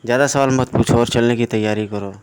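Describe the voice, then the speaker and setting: A man's voice: medium pitch, fairly even intonation, fairly quick, a little mellow, clean tone, natural voice. A man voicing a cold male gang boss who gives curt orders and threats in a comic audio story. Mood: threatening.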